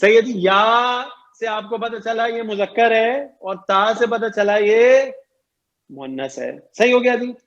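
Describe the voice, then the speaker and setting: Man, online grammar teacher, fairly high voice, patient and repetitive, dull lo-fi call sound. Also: a bit bright. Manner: patient, repeats each point and checks understanding.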